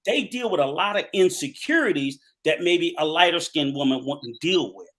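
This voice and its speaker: A man making his point forcefully in a livestream discussion, talking fast then slowing for emphasis. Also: on the high side, expressive. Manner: emphatic, argumentative, speeds up and slows down.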